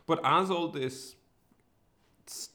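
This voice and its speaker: Telling his career story in a casual, slightly hesitant way, a middle-aged man with a Sligo accent from northwest Ireland sounds like he's thinking aloud. He's an academic researcher and podcast host whose voice is fairly high, slow, bright and forceful.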